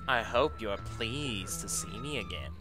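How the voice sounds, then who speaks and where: A man's voice: on the low side, normal speed, over music, pitched below the performer's own voice, lightly acted. A man voicing a sly, rude male diesel engine with an oily, purring voice and a smug, sneering manner.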